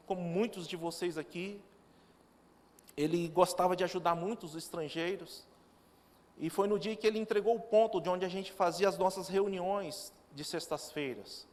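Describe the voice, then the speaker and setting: A man's voice: sits high, a little mellow. A male pastor giving a sermon in a church, telling stories with quoted dialogue. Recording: long reverb of a church hall.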